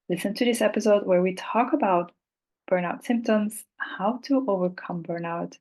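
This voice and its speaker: A woman hosting a podcast and interviewing a guest, friendly and quick to agree. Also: on the low side, darkish tone. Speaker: podcast host.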